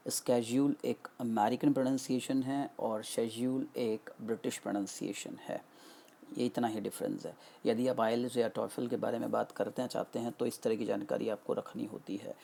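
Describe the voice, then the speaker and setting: A man's voice: medium pitch, vocal fry, warm tone. A male English vocabulary teacher giving a classroom-style lesson that mixes Hindi and English, explaining step by step and asking and answering his own questions. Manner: slows down to spell out English meanings.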